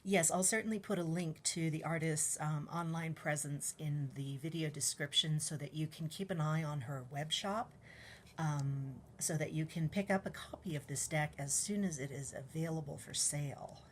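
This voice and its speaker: A young woman casually reviewing a tarot deck, soft-spoken and a little breathless, often trailing into whispers with many ums. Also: sits low, moderate pace, a little hiss or hum.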